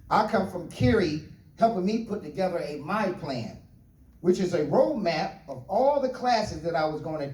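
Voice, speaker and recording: A middle-aged man from Ohio delivering a spoken word speech with a repeating, rhythmic refrain. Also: high voice. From Ohio, USA. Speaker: speaker. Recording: echoey room, voice from far off.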